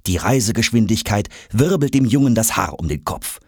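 A man narrating a children's audiobook in an expressive, dramatic way. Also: on the low side, moderate pace, husky. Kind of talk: scripted storybook narration.

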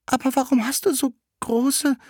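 Storybook little girl, innocent, wide-eyed, high falsetto , by a man. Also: level tone, normal speed, darkish tone, slightly rough, no echo. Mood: wondering.

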